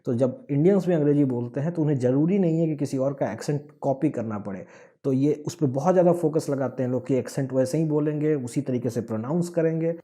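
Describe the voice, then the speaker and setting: Bihari guy teaching english online, very dark mellow voice, explains w everyday examples. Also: mid-range voice, fast. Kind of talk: online lesson lecture.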